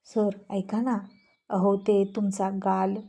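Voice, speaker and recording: A woman's voice: medium pitch, little pitch movement, takes it slowly, mellow. A woman voicing a timid young woman who pleads anxiously in a storybook tale. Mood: shy. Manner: pleading, fearful.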